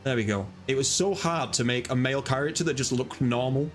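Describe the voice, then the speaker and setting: A chatty man streams a game and talks casually. He rambles and pokes fun at himself. His voice sits at a middle pitch, with faint music underneath. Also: a little fast. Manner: chatty, rambling, self-deprecating. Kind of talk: casual live-stream chat.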